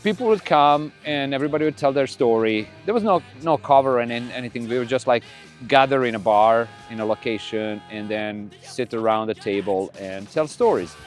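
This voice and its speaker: A middle-aged man from Croatia, whose first language is Croatian, hosts a podcast in a room full of records. He talks in a relaxed, rambling way, restarting his sentences, at an ordinary middle pitch. Faint music plays behind him. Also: brisk. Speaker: podcast host and record label owner. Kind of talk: casual monologue.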